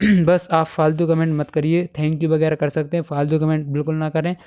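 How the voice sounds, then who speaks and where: Clear-voiced male teacher. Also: fairly high pitch, flat delivery, dark tone, muffled recording. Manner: explains step by step, repeating and dictating answers slowly. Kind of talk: exam paper walkthrough for schoolchildren.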